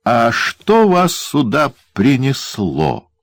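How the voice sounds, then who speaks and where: Guy reading as a nasty little dwarf, pitched way up, snarly and mean, loud. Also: wildly swooping pitch, extremely slow, no room sound, studio quality, full character voice. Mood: mocking, snarling. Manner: jeering, shouting, sneering. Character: spiteful cruel male dwarf, mocking and snarling. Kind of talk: audiobook character voice.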